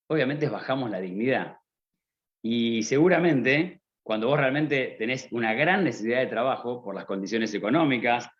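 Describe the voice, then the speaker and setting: On a conference stage, an Argentine man with an Argentine Spanish accent gives a motivational business talk, speaking directly to listeners and often posing rhetorical questions. His voice is mid-range, and the sound is slightly dull and lo-fi.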